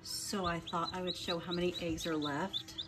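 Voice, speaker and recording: Filming at home behind her phone, a small farm vlogger narrates casually about her chicks, chatty and plainspoken with lots of ums and restarts. Her voice is on the low side, fairly even in intonation and moderate in pace, heard over music.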